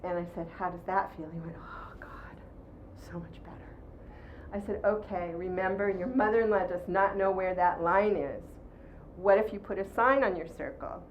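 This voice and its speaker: A woman's voice: mid-range voice, normal speed. A woman giving a workshop talk to an audience, taking questions and acting out scenes as she tells them. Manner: animated storyteller, acts out quoted voices. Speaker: workshop presenter. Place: room with audience. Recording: roomy, dull lo-fi sound with faint noise.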